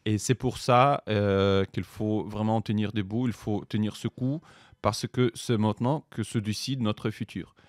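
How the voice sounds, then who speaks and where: Slow, deep-voiced man with Ukrainian accent. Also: fairly even intonation, no echo, studio quality. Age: middle-aged. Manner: hesitant, many pauses and fillers. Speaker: guest, writer and soldier. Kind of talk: podcast interview.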